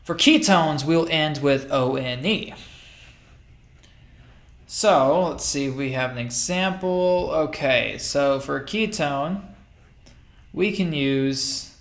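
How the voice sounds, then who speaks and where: A man giving a casual recorded chemistry lecture over slides, relaxed and thinking aloud with fillers and small self-corrections. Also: a little high. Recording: roomy echo.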